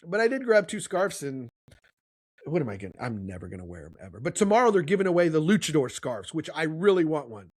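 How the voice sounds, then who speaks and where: A slightly rough, a little high male voice, very animated and fast, heard in clean studio sound without echo. The speaker co-hosts a podcast from Kansas City, USA, telling a long, rambling story casually and acting out quotes.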